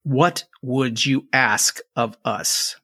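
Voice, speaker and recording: Man voicing a slow, menacing old hag. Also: medium pitch, sharp tone, exaggerated voice. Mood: ominous, solemn. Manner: old hag's slow, drawn-out, deliberate speech. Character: ancient menacing female crone of three fey sisters. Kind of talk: in-character tabletop role-play.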